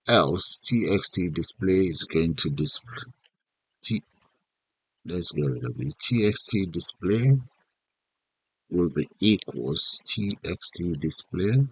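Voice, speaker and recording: Deep, gravelly man teaching step by step. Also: expressive, takes it slowly, no echo, low-quality recording. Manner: instructional, thinking aloud in short fragments. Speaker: programming tutorial instructor. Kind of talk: unscripted step-by-step screen tutorial narration.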